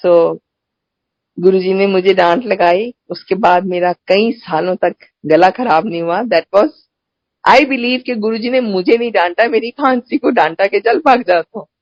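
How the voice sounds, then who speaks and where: A woman's voice: medium pitch, a little slow, no room sound. A woman tells a congregation about her experiences, chatting casually and dropping in English phrases. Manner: conversational, mixes English phrases. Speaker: devotee sharing testimony. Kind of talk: storytelling to a congregation. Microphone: video call. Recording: dull, dry video-call audio.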